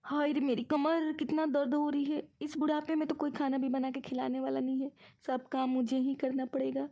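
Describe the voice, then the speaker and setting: A woman's voice: high-pitched, level tone, brisk, warm tone. A woman voicing a complaining aging woman who pretends to be forgetful in a cartoon. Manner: complaining, whiny. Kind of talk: cartoon voice acting.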